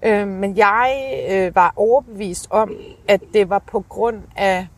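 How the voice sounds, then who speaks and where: A woman with a slightly husky voice, telling a candid personal story in an interview in a hesitant, searching way with casual swearing. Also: mid-range voice. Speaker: interview guest telling of own alcoholism.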